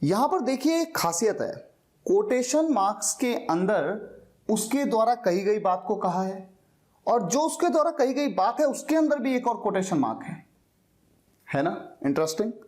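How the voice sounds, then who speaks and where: In an explanatory classroom lecture, a patient man explains things step by step in a voice that sits high, sounds very animated, and is a little mellow. He slowly repeats words to model how they sound.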